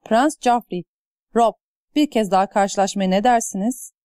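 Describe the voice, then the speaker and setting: A woman's voice: medium pitch, moderate pace, a little mellow, no echo, clean studio sound, lightly acted. A woman voicing a stern old master-at-arms. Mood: firm. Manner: firm, commanding.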